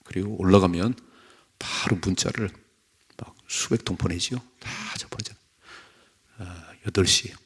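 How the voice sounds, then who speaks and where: A man's voice: low voice, steady tone, moderate pace, long pauses, slightly rough. A middle-aged man, a pastor, giving a conversational dawn sermon that rises to emphatic points. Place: church sanctuary.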